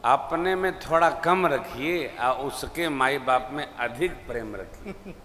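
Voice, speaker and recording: A man preaching a devotional sermon, dramatic, swinging from loud emphasis to quiet asides, and now and then breaking into sung verse. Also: medium pitch, animated, takes it slowly, slight background noise. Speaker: katha preacher. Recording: long reverb of a large hall with faint music.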